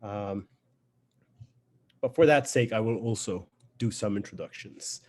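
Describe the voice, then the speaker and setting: A man's voice: fairly low pitch, unhurried, a little mellow. Lebanese-accented man, reflective and hesitant. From Beirut, Lebanon. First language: Lebanese Arabic. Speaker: poet. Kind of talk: informal spoken introduction to a poetry reading.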